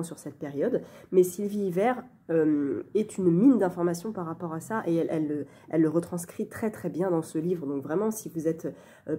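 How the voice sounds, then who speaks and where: A woman's voice: fairly low pitch, warm tone, breathy edge. A woman chatting casually in a reading vlog, talking into her phone with many fillers and restarts. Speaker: book vlogger. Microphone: phone camera. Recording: phone on a stand, dim light.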